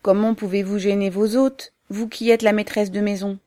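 A lively young woman pleads in a childlike, plaintive voice, as a woman reader puts her on. The tone is mellow underneath and recorded close and dry, like a storybook read aloud. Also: mid-range voice, moderate pace, no echo, close to an everyday voice. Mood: playful, plaintive.

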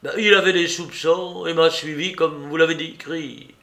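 A man voicing a desperate, cornered male army colonel who pleads his innocence in loud, breaking protests, in a slowly read storybook. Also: on the high side, fairly even intonation, gravelly, voice pushed up. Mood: urgent.

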